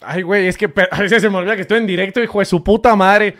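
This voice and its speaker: A young man with a Mexican Spanish accent reacting to clips on a live stream in casual chat, loud and crude, laughing often. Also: high voice, fairly even intonation, quick pace.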